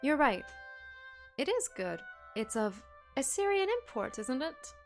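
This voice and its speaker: A woman's voice: sits high, very animated, a little slow, pitched above the performer's own voice, exaggerated voice. A woman voicing a courteous foreign woman, a former trader, reading her lines politely over faint game music.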